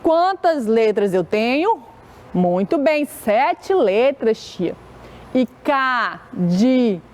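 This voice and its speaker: A woman teaching a televised children's reading lesson, drawing out syllables slowly and calling herself auntie. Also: on the high side, big pitch swings, mellow. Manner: slow, drawn-out syllables, calls herself "tia".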